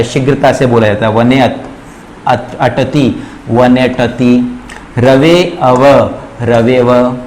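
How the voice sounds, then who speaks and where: Slow, deliberate male Sanskrit teacher. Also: mid-range voice, a little mellow, a little hiss or hum, rough recording. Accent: Rajasthani Hindi. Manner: explains slowly, drawing out examples and repeating them. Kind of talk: classroom lecture.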